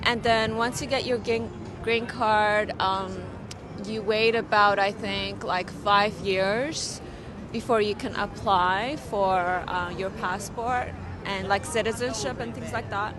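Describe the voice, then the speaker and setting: A woman's voice: mid-range voice, fairly even intonation, slow, crowd noise. A woman from Ethiopia, answering street interview questions in a hesitant way with many fillers. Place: outdoors on a city street. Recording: noisy street with traffic.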